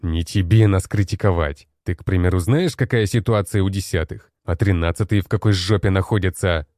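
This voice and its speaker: A man doing a gruff heavyset general. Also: low-pitched, a little fast, a little mellow, no room sound, studio quality, lightly acted. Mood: scolding. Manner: gruff, lecturing. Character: stout gruff male general, square-faced.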